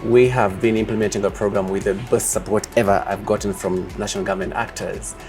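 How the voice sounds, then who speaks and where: A man from Uganda answering interview questions as a project leader, speaking in a measured way with many pauses and fillers. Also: on the low side, fairly even intonation, a little mellow, faint music behind.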